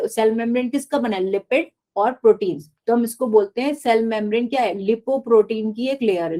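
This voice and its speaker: A woman's voice: on the high side, mellow. A woman teaching biology in a live online class, explaining step by step and often asking the class questions.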